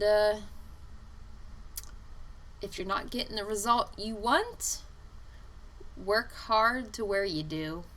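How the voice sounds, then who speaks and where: Young female vlogger, casual storyteller, bright tone, slow delivery, exasperated. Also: medium pitch, rough recording. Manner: chatty, exasperated, quotes people in dialogue. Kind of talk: casual storytelling over time-lapse.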